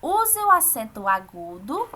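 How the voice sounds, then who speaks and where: A woman's voice: high voice, very animated, measured pace, bright, forceful tone. A Brazilian woman teacher giving a recorded lesson to young children, explaining each exercise patiently step by step. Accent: Brazilian Portuguese. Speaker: primary school teacher.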